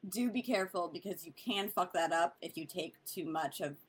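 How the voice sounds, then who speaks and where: A woman's voice: on the low side, brisk, a little hiss or hum. A woman guest in a casual podcast chat, giving blunt, emphatic warnings and swearing freely.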